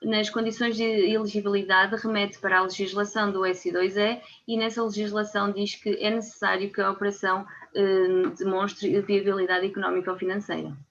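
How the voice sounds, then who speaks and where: A woman with a European Portuguese accent, a consultant giving measured, explanatory answers in a webinar. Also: mid-range voice, little pitch movement, a bit bright. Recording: dull lo-fi webinar audio.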